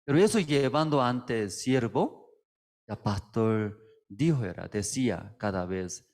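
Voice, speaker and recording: Un pastor predicando un sermón con frases sencillas y entrecortadas, muchos "mm" y preguntas retóricas al público. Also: male voice, mid-range voice, lively intonation, a little mellow. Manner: halting, simple phrasing with frequent "mm" and rhetorical questions. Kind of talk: sermon. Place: church service, streamed online.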